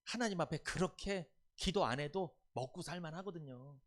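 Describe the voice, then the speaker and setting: A man's voice: on the high side, normal speed. A man preaching a Sunday sermon, asking the congregation questions and repeating key words. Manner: lively, rising and dropping loudness. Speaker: pastor.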